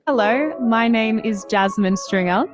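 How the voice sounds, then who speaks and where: A woman's voice: a little high, a little slow, music in the background. A 28-year-old woman from Australia introducing herself sincerely as a pageant contestant. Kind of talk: recorded self-introduction.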